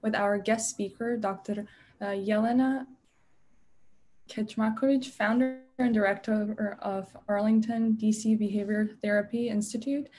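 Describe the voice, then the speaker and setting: A woman's voice: mid-range voice, fairly even intonation, unhurried, darkish tone. A young woman with a Macedonian accent hosting an online event over a video call, making prepared announcements. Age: young adult. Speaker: webinar host.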